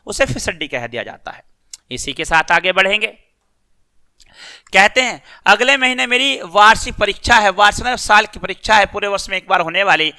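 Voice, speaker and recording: A man teaches a young class, reading a story aloud and then retelling it in plain words. His voice sits high and sounds very bright. Every word comes through crisp and clear. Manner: reads story passages, then explains them in simple words. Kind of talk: reading and explaining a school lesson.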